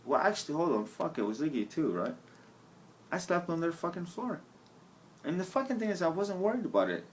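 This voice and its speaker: This young vlogger, speaking with a slight Scottish-tinged accent, talks to his camera at an outdoor bus stop in a swearing, stream-of-consciousness ramble and keeps laughing at himself. His slightly high voice is sing-song and fairly quick, and the camera mic picks up a little hiss or hum.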